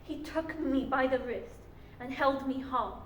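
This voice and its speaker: Very high-voiced female student rehearsing, echoey room. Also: unhurried. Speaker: acting student. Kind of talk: rehearsing a classical monologue by repeating lines. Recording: echoey room, distant mic, faint noise.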